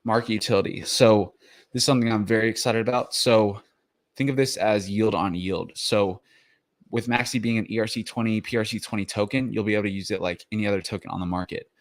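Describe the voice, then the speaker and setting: A man's voice: fairly low pitch, fairly even intonation, fast. A man hosting a crypto explainer, talking casually with many fillers and restarts, a little out of breath after the gym. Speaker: crypto video host.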